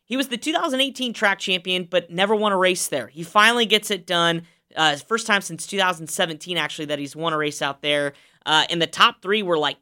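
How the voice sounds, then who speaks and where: Bright, crisp-voiced racing podcast host. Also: male voice, high-pitched. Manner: upbeat, emphatic, many fillers. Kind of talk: racing news recap.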